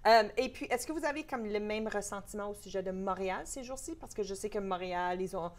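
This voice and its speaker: A lively woman with a Canadian French accent hosts a casual interview and puts her questions to her guest. She slips English words into her French, and her voice sits at a middling pitch. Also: fairly quick. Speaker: local councillor, interview host.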